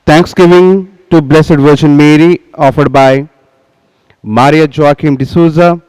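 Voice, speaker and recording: A priest, presiding at Mass and speaking into a church microphone in solemn, measured tones. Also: male voice, a little high, fairly even intonation, darkish tone, smooth. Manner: solemn, measured liturgical intoning. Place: large cathedral, indoors. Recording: long reverb of a large cathedral.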